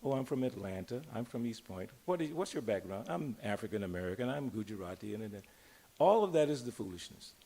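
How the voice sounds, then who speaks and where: An older religious teacher gives an informal temple discourse live to a gathering, conversational yet emphatic, questioning his listeners and drawing out key words. He talks fast and expressively in a fairly low, dark, husky voice with some creak.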